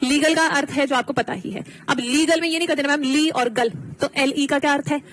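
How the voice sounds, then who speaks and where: A woman with a high, light voice teaches a live online exam-prep class. She explains terms slowly, switching between two languages, and keeps asking her students for answers. Faint noise hums under the close mic. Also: fairly even intonation, a bit bright, poor audio.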